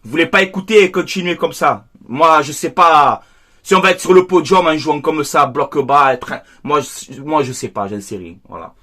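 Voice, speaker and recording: In a casual, angry match debrief, a man hosting a football fan video rants straight at his viewers, upset and worked up and repeating himself. His voice is fairly high, pushed, and bright, at a normal speed.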